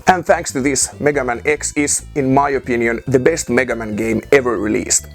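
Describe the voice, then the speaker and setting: A man's voice: medium pitch, steady tone, normal speed, creaky. A man narrates a scripted video game review over background music. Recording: music behind the voice.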